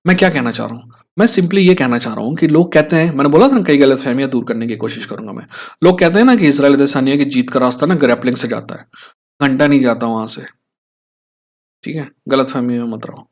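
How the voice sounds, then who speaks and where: A young Indian man with a mid-range voice talks through a fight analysis in an easy, conversational way. He keeps tossing quick tag questions at his listeners to pull them along. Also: medium pitch. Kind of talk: casual explainer talk.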